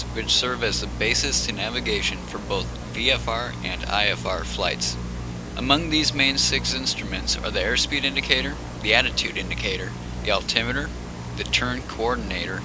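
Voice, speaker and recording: A man speaking as a flight instructor over a cockpit headset mic, explaining the instruments in a calm, methodical way. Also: on the low side, moderate pace, music in the background, rough recording. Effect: pilot talking over a cockpit headset mic. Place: small plane cockpit in flight. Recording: headset mic with loud engine noise. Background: engine noise.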